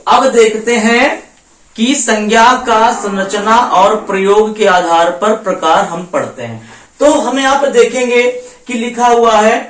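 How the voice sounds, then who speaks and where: A man's voice: high-pitched, fairly bright tone, recorded from a distance. A man teaching a grammar lesson for exam preparation, repeating key points and asking questions, then answering them himself. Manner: repetitive, asks and answers his own questions. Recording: echoey room, voice away from the mic.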